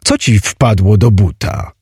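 A man voicing an eager male adventurer hunting treasure, talking in a bright, pleading, questioning way in an audiobook. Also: fairly low pitch, measured pace, slightly rough, no room sound, clean studio sound. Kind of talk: audiobook character voice.

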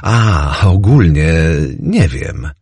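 A man's voice: sits low, very animated, very slow, creaky, darkish tone, husky, dry recording, heavily acted. A man voicing a young seaside café waitress who talks in a casual, plain-spoken way. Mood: friendly.

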